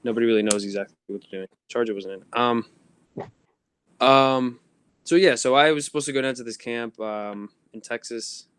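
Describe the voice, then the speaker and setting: This young podcast co-host rambles through long casual stories, laughing and saying um a lot, at a moderate pace. Though recorded on a phone, his mid-range voice comes through clear, fairly bright and resonant, with no room sound.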